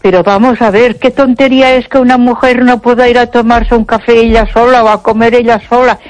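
In a low-quality, dry recording with soft background music, an older woman from Barcelona talks on a casual radio phone-in. Her voice is on the high side and steady in tone, a little fast, and she is emphatic, repeats herself and often exclaims "ay."

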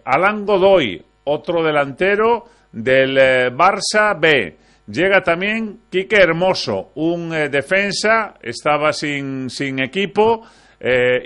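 A man's voice: medium pitch, a bit bright. A man presenting a sports news bulletin, with frequent fillers and restarts as he reads out names.

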